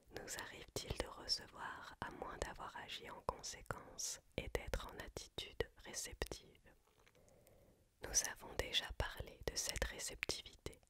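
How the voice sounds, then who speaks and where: A reader speaks entirely in a hushed library whisper. The delivery is very slow and measured, phrase by phrase, in the manner of an ASMR book reading. The voice stays unvoiced throughout.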